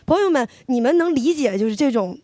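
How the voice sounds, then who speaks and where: A woman's voice: high-pitched, expressive, fairly quick, dark tone, no echo. A woman performing a stand-up comedy set on stage, with a chatty, teasing, punchline-driven delivery. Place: stage before a live audience. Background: audience laughter.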